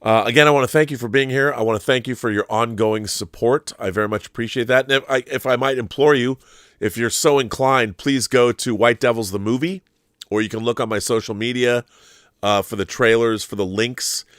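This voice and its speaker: A middle-aged American man hosts a live YouTube show, casually answering viewer comments in a livestream monologue. His medium-pitched voice has fairly even intonation and a fairly bright tone, a little fast, recorded at studio quality with no echo. He rambles conversationally and often restarts his sentences.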